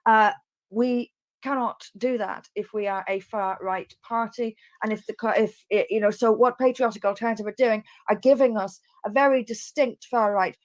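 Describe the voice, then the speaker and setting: A woman speaks in a played discussion clip. Her voice sits slightly high, and she talks measuredly with hesitant fillers. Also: steady tone, moderate pace. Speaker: interviewee in a reacted-to video. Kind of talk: political discussion.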